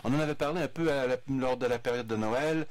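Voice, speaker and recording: A man's voice: mid-range voice, fast, no echo. A man hosting a radio show in a studio, chatty and joking. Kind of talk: casual studio chat.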